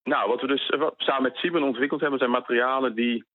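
A man's voice: medium pitch, fairly even intonation, fast talker, no room sound. A man interviewed over the phone as a university researcher, explaining in a hesitant way with many fillers. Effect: phone line. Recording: tinny phone line, dry.

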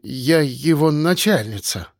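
A man's voice: a little high, lively intonation, no room sound, clean studio sound, heavily acted. Man voicing a frightened woman boss. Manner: faltering, slow and timid. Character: frightened woman factory boss, middle-aged.

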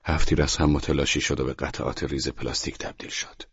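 A man narrating an audiobook in a measured, tense storytelling voice that sometimes drops to a whisper. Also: extremely low pitch, flat delivery, creaky, slightly rough, no echo, dull audio. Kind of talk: scripted narration.

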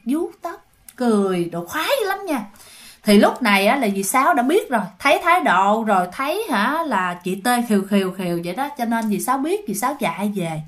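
A woman telling a ghost story aloud, her voice high and light. She speaks with a Southern Vietnamese accent and a chatty, rambling way of talking, turning often to address her listeners directly. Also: a bit bright.

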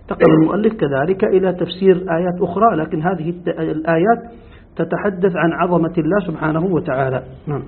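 A sheikh teaches Quran commentary to his students in a fast, slightly high male voice, explaining and adding points and finishing with a confirming word. This explanatory religious lesson is captured in tinny, phone-like lo-fi audio.

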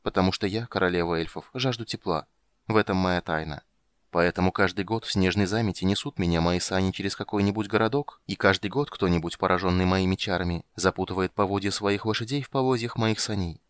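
A man's voice: deep voice, brisk, no echo, natural voice. A male reader voicing a proud sorceress in an audiobook, speaking in a haughty, biting way. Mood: wistful. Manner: haughty, biting, then wistful. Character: proud, sharp-tongued sorceress woman. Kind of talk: audiobook character reading.

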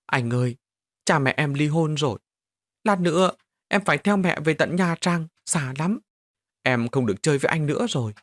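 A man's voice: mid-range voice, very animated, normal speed, no echo, studio quality, pitched above the performer's own voice. A man voicing a lonely chubby little boy who talks in a whiny, pleading way. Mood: tearful.

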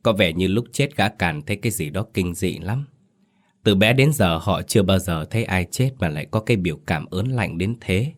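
Deep-voiced male storyteller. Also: animated, moderate pace. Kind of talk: horror story narration.

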